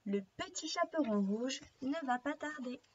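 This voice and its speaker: Slow high-voiced woman reading to children. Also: animated, slight background noise. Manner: slow, gentle, stops to explain words and ask children questions. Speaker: preschool teacher. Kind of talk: story read aloud to young children. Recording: slightly dull lo-fi recording.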